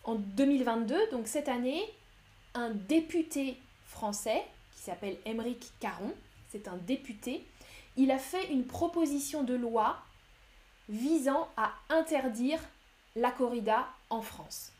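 Slow, clear French teacher woman. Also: a little high, animated, darkish tone. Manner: slow and clear, explains words with synonyms. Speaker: French teacher streaming a lesson. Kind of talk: live-streamed language lesson, reading chat.

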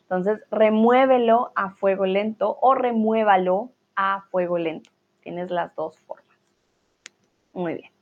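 A woman's voice: mid-range voice, slow, phone-quality sound. A woman teaching a live online grammar lesson, patiently reading out student comments and correcting them. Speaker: Spanish teacher.

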